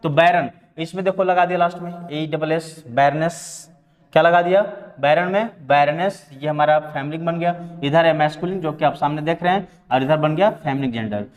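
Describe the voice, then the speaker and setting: A man's voice: fairly high pitch, normal speed, big-room sound, lo-fi sound. A man teaching English grammar, addressing viewers as friends and spelling words out letter by letter. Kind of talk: classroom-style lesson explanation.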